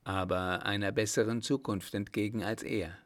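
A man with a low voice voicing a pale, wounded young wife who speaks softly and tenderly. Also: fairly even intonation, moderate pace, no room sound, close to an everyday voice. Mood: quietly defiant. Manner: soft, quiet and tender.

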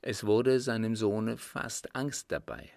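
A man reading a story aloud in slow, dramatic audiobook narration. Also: on the low side, animated, creaky, a little mellow, dry recording, studio quality. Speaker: reader.

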